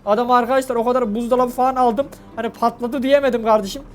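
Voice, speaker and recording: A young Turkish man commenting casually on a driving game, excitable and mock-lamenting, cursing often. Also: very high voice, fast. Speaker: gaming channel host.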